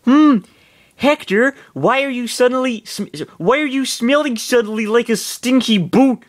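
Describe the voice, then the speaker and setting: A man's voice: very high-pitched, a little slow, voice pushed up. A man voicing a forthright young woman who speaks bluntly and asks pointed questions. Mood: puzzled.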